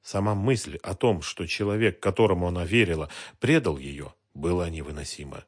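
A man with a fairly low voice narrating an audiobook. His reading is measured and dramatic, steady through the tense scene. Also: breathy edge. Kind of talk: scripted narration.

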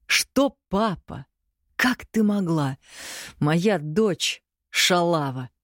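A domineering, harsh middle-aged father , as a woman reads him in an audiobook. He lays down orders slowly and firmly in a low voice. The sound is close and dry. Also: a little mellow, no echo, natural voice. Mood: commanding. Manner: slow commanding pronouncements.

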